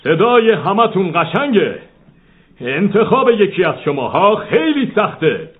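A man voicing a stately eagle king in a children's story, commanding and measured, on a tinny recording. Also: high voice, very animated. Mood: weary.

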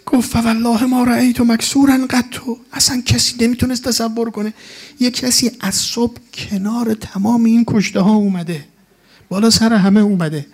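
A man with a noticeably high voice delivers a mourning sermon. He moves between slow, drawn-out chanted recitation and a more emotional spoken retelling. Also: fairly even intonation, darkish tone. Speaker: mourning preacher.

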